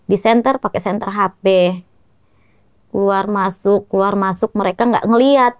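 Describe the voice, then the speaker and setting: A woman's voice: mid-range voice, fairly even intonation, moderate pace, no room sound. A woman telling her story in an interview, speaking in short clipped phrases and often quoting what others said. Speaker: guest, mother of the victim. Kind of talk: emotional recounting in an interview.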